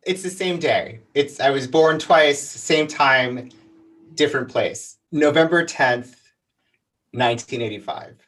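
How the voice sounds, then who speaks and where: A man's voice: mid-range voice, slow pace, fairly bright tone, far from the mic. A man in his thirties from the El Paso and Juarez border region, telling a childhood story in a casual interview, rambling with many fillers. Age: 30s. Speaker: guest.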